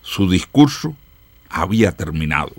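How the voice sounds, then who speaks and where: A man hosting a radio program, reading reflective stories in a slow, measured way with dramatic pauses and falling line endings. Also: deep voice, big pitch swings, a little mellow, no room sound. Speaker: radio host.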